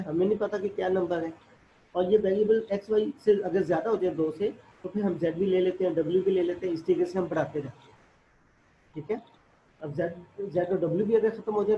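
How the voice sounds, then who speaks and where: This man has a high, warm voice and is teaching a math class, going through it step by step and posing questions he then answers himself. The room echoes, and the lo-fi audio is dull with faint noise.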